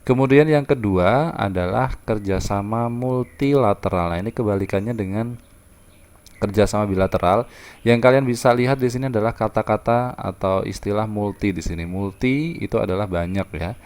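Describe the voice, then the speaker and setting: A male teacher with a very low, gravelly voice lectures a class. He explains step by step, repeating key terms and pausing with fillers, in a patient classroom manner. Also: a little mellow.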